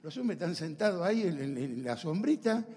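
Middle-aged Rioplatense male pastor, lively testimony sermon, slightly high pitch. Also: moderate pace, breathy edge, in a large hall. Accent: Rioplatense Spanish. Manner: animated storyteller, talks to audience.

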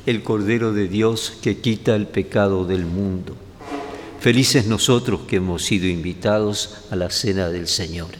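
Slow man praying in an echoing cathedral. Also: lowish voice. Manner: measured, pausing between short phrases. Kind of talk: solemn liturgical prayer and blessing. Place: large cathedral, indoors. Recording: echoey cathedral, long reverb, clear background noise.

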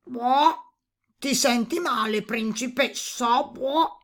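A woman voicing a big, cheeky male toad who croaks between his words in a storybook reading. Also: a little high, slow, pitched above the performer's own voice. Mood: pleading, cheeky. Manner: breaks lines with a croaking "boh".

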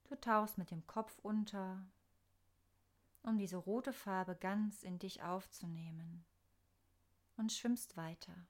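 A woman narrating a scripted guided meditation in a soft, soothing, unhurried manner with pauses. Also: medium pitch, fairly even intonation.

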